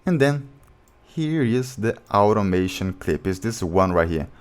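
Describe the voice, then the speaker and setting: Animated but unhurried, a man with a deep voice walks through making a beat one step at a time, speaking plainly in English that's slightly non-native. Beat music plays behind this casual screen-recorded lesson.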